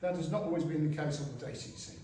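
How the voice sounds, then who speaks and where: At a wedding reception, a middle-aged man gives an informal, humorous father of the bride speech with dry, teasing delivery, talking very fast in a fairly high, mellow voice. The large reverberant room and distant mic make it very echoey and noisy, with guests laughing in the background.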